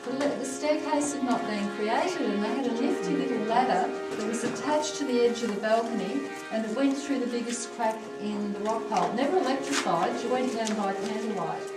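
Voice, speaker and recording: A woman's voice: on the high side, fairly quick, hardly any pauses. An Australian woman guiding a cave tour, telling its history in a chatty, wry way, her voice ringing with cave echo. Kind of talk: guided tour talk. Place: inside a limestone show cave. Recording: echoey cave with loud music behind. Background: loud music.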